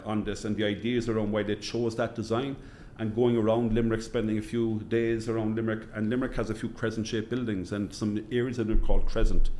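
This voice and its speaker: A middle-aged hospital chief executive from Cork, Ireland, answers interview questions in a measured way, repeating phrases to add emphasis. His Cork accent comes through in a lowish, slightly mellow voice, with a little background noise.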